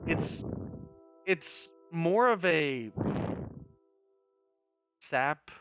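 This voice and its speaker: Bright-voiced man running a tabletop game. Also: fairly high pitch, expressive, drawn-out words, clear, resonant tone, faint music behind. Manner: casual, rambling, laid-back narration. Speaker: game master.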